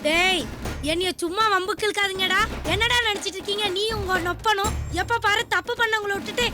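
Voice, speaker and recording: A woman's voice: very high-pitched, fairly even intonation, a little fast. An actress playing a sarcastic, quarrelsome middle-aged mother in a television soap opera. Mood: mocking. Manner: mocking, quarrelsome. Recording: drama soundtrack with loud music.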